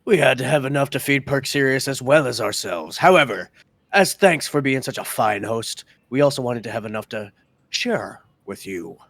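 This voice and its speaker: A man role-plays in a tabletop game, speaking in character. His mid-pitched voice moves with lively intonation and is recorded very dry. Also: normal speed, gravelly, no room sound.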